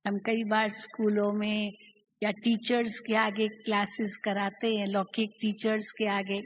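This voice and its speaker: A woman's voice: mid-range voice, monotone, a little slow, a little hiss or hum, low-quality recording. A woman teaching a spiritual class, asking her listeners many questions and acting out the quoted speech.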